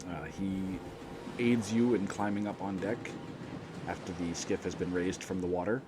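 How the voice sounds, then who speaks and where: A man's voice: deep voice, fairly even intonation, normal speed, background noise. A man narrating as game master of a tabletop game, with loose, rambling description full of restarts and a cough.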